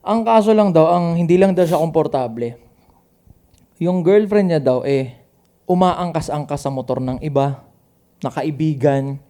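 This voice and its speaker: A man co-hosting a podcast, cursing often and talking in a lively, animated way. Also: on the high side, measured pace, pauses often. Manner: swears a lot, animated. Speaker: podcast co-host. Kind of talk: casual chat.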